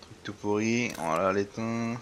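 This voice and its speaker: Low-voiced man narrating gameplay. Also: unhurried, a bit bright, a little hiss or hum. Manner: chatty, mutters to himself, addresses viewers. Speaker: let's play host. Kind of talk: casual gameplay commentary.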